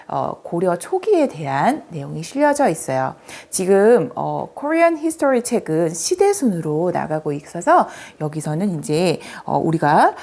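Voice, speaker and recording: A woman teaching English vocabulary, saying each word slowly and clearly, then explaining it quickly. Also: on the low side, a little mellow. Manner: slow, drawn-out English model words, then quicker Korean explanation. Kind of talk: bilingual vocabulary lesson.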